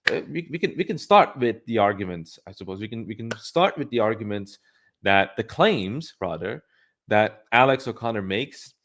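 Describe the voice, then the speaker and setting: Blunt, low-voiced male streamer. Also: expressive, moderate pace, a bit bright. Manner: blunt, opinionated; thinking aloud, often restarting phrases. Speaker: livestream host. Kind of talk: casual livestream commentary.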